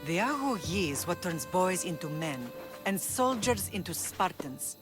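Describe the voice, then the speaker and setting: A woman's voice: lowish voice, lively intonation, a little slow, over music. An actress playing a stern, protective middle-aged Spartan mother who speaks in a firm, instructive way.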